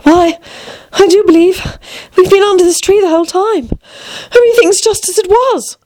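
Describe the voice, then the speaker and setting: A woman voicing a curious, polite and excitable little girl in a storybook reading. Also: very high-pitched, a little slow, voice pushed up. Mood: puzzled, surprised. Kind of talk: storybook character voice.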